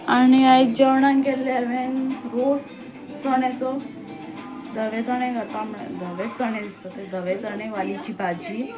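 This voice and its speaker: A woman's voice: fairly high pitch, fairly even intonation, unhurried. Goan Konkani-accented woman, homely vlogger, chatty to camera, music bed under her voice. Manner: chatty, homely, addresses viewers directly. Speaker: vlogger, mother. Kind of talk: casual chat to camera.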